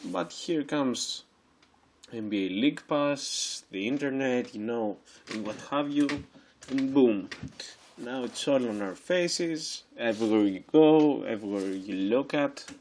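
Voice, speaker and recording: A young man from Greece in his twenties hosts a solo podcast in an unhurried, drawn-out way. He keeps stopping on fillers and starting his sentences over. His voice sits at an ordinary middle pitch. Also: lively intonation, darkish tone, a little hiss or hum. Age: 20s. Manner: slow, hesitant, many fillers and restarts. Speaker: podcast host. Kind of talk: casual solo podcast monologue.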